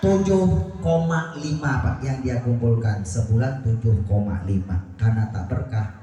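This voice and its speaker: A man with an Indonesian accent preaching a lively sermon with jokes, constantly questioning the audience and swinging between soft and loud. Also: on the low side, moderate pace. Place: small prayer hall. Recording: very echoey prayer hall with music.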